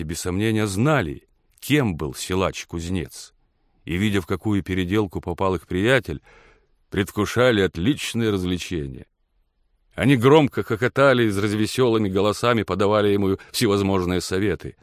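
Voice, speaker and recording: A man narrating a story in a measured, expressive storytelling manner. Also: low voice, no echo, clean studio sound. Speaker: audiobook narrator. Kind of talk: scripted narration.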